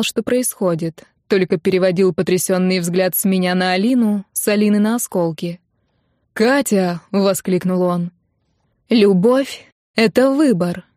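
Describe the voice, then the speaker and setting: A young woman narrating a first-person audiobook in an emotional, intimate, measured way. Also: medium pitch, a little mellow, no echo, studio quality.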